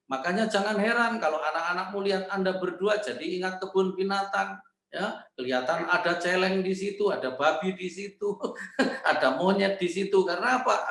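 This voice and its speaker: An older man preaching a sermon as pastor, telling funny stories and acting out the voices of the people in them. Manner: humorous storytelling with acted-out dialogue; animated, jumps high when voicing others. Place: church. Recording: echoey church hall.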